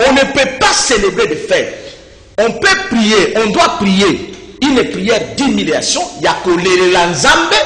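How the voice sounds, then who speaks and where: A man with a Congolese accent, a religious speaker in a debate, preaching with fiery declaiming that rises to shouts. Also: very high-pitched. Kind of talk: impassioned preaching in an interview. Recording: echoey reverberant room.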